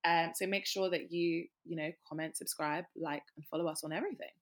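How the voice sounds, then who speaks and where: A woman's voice: sits low, steady tone, a little fast. A British woman hosting a casual podcast, chatting in a slangy, emphatic way. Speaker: podcast host. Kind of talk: casual chat.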